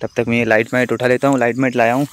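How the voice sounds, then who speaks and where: Holding his phone at arm's length, a man in his twenties vlogs casually from an open farm field, talking to camera. His medium-pitched voice is flat in delivery and he races along, over noisy handheld outdoor audio.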